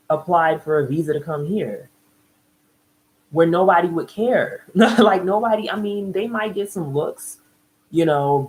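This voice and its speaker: A woman's voice: a little mellow, low-quality recording. A woman recapping a reality TV episode in casual chat, laughing often and acting out what the people said. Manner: chatty, laughs often, acts out quotes with jumps in pitch. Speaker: reality TV reviewer.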